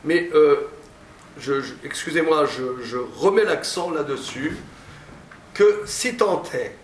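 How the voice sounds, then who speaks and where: A male teacher giving a classroom lecture, often stammering and restarting, stressing points with drawn-out phrasing. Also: on the high side. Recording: echoey room, distant mic, faint noise.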